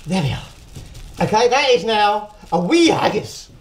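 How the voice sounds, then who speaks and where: A man's voice: high-pitched, very animated, unhurried. A man hosting a casual cooking demonstration, chatty and rambling and laughing often as he tells jokes. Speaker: cooking show host. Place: outdoors, windy. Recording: echoey with faint ambient noise.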